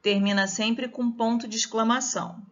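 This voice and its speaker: A woman's voice: on the high side, fairly even intonation, moderate pace, dull audio. A woman teacher with a Brazilian Portuguese accent giving a grammar lesson and explaining step by step. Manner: explains step by step, checks with students.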